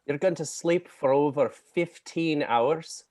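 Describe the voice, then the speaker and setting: A man's voice: on the high side, takes it slowly, darkish tone, no echo. A man playing in a tabletop game, bantering casually and joking between lines. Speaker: player.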